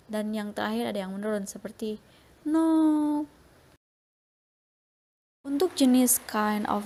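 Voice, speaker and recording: A woman's voice: mid-range voice, slight background noise. Young woman reading class slides. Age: young adult. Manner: steady, explanatory reading of slides. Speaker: student presenter.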